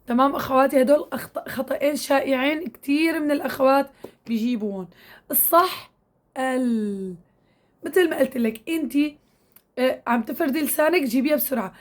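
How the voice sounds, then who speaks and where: A high-pitched woman gives a recitation lesson. She speaks patiently and coaxingly to her women students. She stretches out drill syllables and repeats them slowly. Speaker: Quran recitation teacher. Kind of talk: tajweed lesson to women learners.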